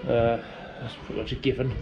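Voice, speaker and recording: This man in his forties speaks at medium pitch, briskly and flatly, with a creaky, darkish tone. As a sailing vlogger, he narrates his boat work casually on an action camera, musing aloud with fillers, from the water near a hull and later in a workshop. The audio is dull, with soft music and faint outdoor noise behind him.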